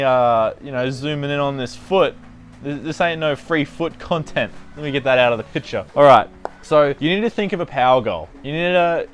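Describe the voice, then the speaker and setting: A man talking casually to camera as a car vlogger, with slangy, sweary and emphatic phrasing, with rain on a tin roof. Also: medium pitch. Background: rain on tin roof, faint music.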